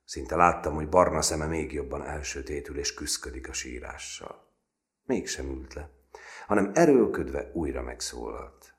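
A man reading a novel aloud as an expressive audiobook narrator. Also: very deep voice. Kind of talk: scripted narration.

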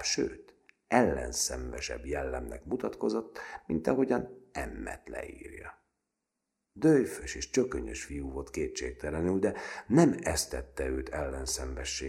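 A man narrating a literary novel as an audiobook, measured and expressive. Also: a bass voice, vocal fry. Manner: measured and expressive, voices characters.

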